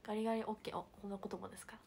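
A young woman livestreaming, chatting casually and reading viewer comments, with a hint of Hiroshima dialect and soft murmured asides. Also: mid-range voice, level tone, rapid-fire, a little hiss or hum. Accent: picking up Hiroshima dialect. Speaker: idol livestreamer.

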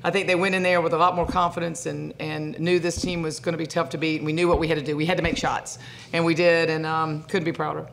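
A woman's voice: low-pitched, level tone, quick pace, gravelly, a little hiss or hum. A middle-aged woman head coach answering postgame questions at a desk microphone, thoughtful and full of fillers and restarts. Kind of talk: postgame press conference answers. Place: press conference room.

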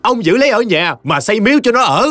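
A man's voice: sits high, big pitch swings, fast talker, fairly bright tone, no echo, pitched above the performer's own voice. A man voicing an arrogant, violent young husband who sneers and taunts his father-in-law in a storybook reading. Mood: taunting.

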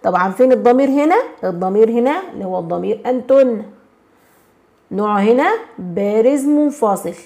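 A woman with an Egyptian accent teaching a grammar lesson, constantly checking in with questions and slowing down to stress example words. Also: a little high, lively intonation, mellow. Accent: Egyptian Arabic. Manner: slows and stresses words when reading examples.

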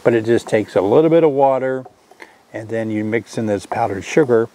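This older man's mellow, medium-pitched voice moves fairly quickly as he chats through a casual beekeeping lesson, frequently asking viewers questions. He's recorded outdoors beside a hive and then on a covered porch.

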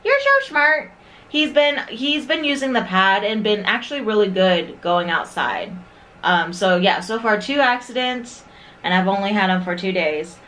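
A woman's voice: medium pitch, moderate pace, fairly bright tone. A young woman chatting casually to camera, sometimes cooing at her dog in a sing-song voice. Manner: chatty, with baby-talk to the dog. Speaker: vlogger introducing her new puppy.

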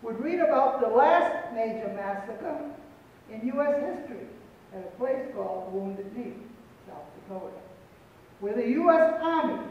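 Older male panel speaker, solemn and deliberate, high voice, far off in a big echoing auditorium. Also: slight background noise. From Pequot territory, New England. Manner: solemn, deliberate, repeats phrases for emphasis. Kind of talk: prepared speech at a panel. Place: auditorium stage, large indoor hall. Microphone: far room mic. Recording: echoey hall from far off, dull.

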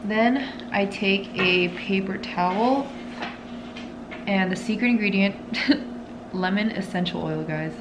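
A woman's voice: mid-range voice, slow, highs cut off, background noise. A young woman in her twenties chatting casually to camera in her home kitchen, giggly and giving tips, recorded on a compact camera. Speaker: lifestyle vlogger. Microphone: compact camera on the counter. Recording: background music under the voice.

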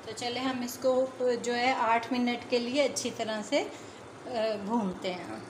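A home cooking host with a voice on the high side explains each step as she cooks at the stove, keeping her tone steady and her pace slow. It's a chatty, casual demonstration, set in an echoey kitchen with loud sizzling and background noise.

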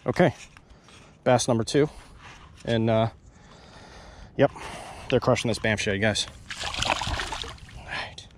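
A man's voice: mid-range voice, slow, long pauses. A young man narrating casually while he fishes, chatting to the fish and to his viewers, recorded outdoors on a head-mounted camera. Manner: excitable, talks to the fish and viewers. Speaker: fishing vlogger. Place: outdoors at a pond bank. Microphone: head-mounted action camera. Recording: outdoor camera mic with nature noise.

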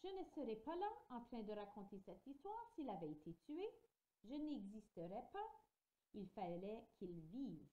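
A woman reading the part of an elderly woman storyteller, speaking slowly and solemnly, in a dull lo-fi home recording. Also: on the high side, big pitch swings, warm tone. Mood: grave.

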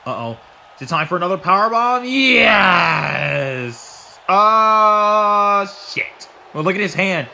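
A man doing excitable solo play-by-play of a wrestling match, swearing and breaking into shouts. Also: sits high, quick pace, a little hiss or hum. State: out of breath. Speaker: wrestling commentator.

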